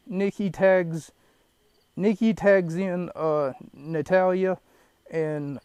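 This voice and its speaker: A man's voice: on the high side, a little mellow, clean tone, no room sound. A young man hosting a solo podcast from his parked car, rambling and shaken, catching his breath between fillers. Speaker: podcast host. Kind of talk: solo podcast, wrestling recap. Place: parked car in an empty lot.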